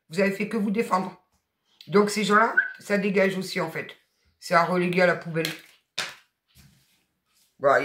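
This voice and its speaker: A tarot card reader with a Southern French accent gives a spoken guidance reading. The delivery is emphatic, chatty and encouraging, with blunt asides. The voice sits at a middle pitch and rings in an echoey room. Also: fairly bright tone.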